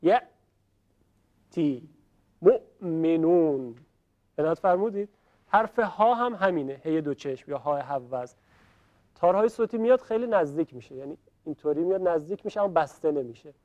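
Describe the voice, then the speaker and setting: A male teacher leads a classroom lesson on pronunciation, his voice sitting a little high. He explains patiently, pauses to check that the students follow, and voices each sound slowly to show it. The class recording sounds dull and lo-fi. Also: expressive, darkish tone. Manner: demonstrates sounds by voicing them slowly.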